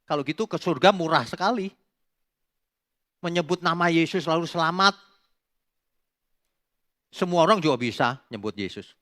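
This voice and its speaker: Emphatic pastor, lively bright voice. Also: male voice, fairly high pitch, moderate pace, pauses often. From Indonesia. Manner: emphatic, rhetorical questions, mocking asides. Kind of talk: sermon.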